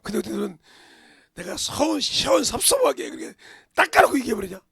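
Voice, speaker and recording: A middle-aged male pastor preaching a sermon in a church, dropping to whispers and bursting into shouts. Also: very high-pitched, very animated, fast talker, gravelly, slightly rough, no room sound, studio quality. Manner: swings from hushed whispers to sudden shouts. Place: church sanctuary.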